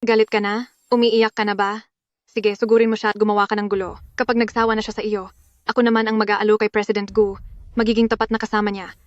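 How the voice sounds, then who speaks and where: A woman's voice: mid-range voice, little pitch movement, quick pace, no room sound, highs cut off, close to an everyday voice. A woman dubbing a spiteful, jealous young rival who taunts and mocks. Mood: taunting. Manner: taunting, mocking. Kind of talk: Filipino dub of a drama.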